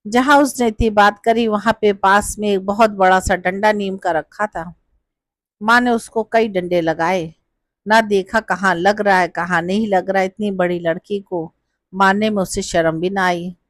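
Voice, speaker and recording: A woman tells a devotional folk tale in a plain, conversational way, as if speaking to listeners nearby. Her pitch is middling for a woman, and the sound is dry and close, with no room echo. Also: fairly even intonation, unhurried. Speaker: storyteller.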